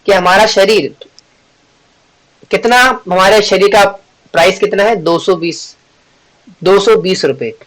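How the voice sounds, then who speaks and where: Brief: man leading a scripture class, voice sits a bit high, teasing, often clears his throat. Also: takes it slowly, long pauses, fairly bright tone, rough recording. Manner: joking, chatty, teasing the audience; asks the class questions and answers them himself. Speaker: Bhagavad Gita class teacher. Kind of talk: devotional class lecture.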